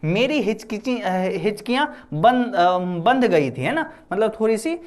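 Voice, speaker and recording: A man's voice: sits high, big pitch swings, unhurried. A male teacher explaining a story chapter in a casual lecture style, repeating lines often and acting out quotes. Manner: repeats lines with frequent "है ना" fillers, acts out quotes. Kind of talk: explaining a Hindi lesson.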